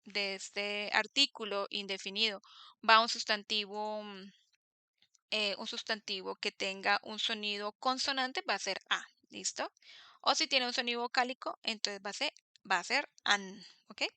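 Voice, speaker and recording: A woman teaching English grammar in class, explaining patiently, slowing down to model example words and often checking that students follow. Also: medium pitch, fairly even intonation, bright, forceful tone, clear, resonant tone, dry recording. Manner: patient, keeps checking understanding with tag questions.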